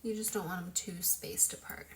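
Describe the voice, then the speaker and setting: A young woman with a lowish voice and steady tone talks at a moderate pace through a casual makeup tutorial at home, with slight background noise. She chats as she works and pokes fun at herself.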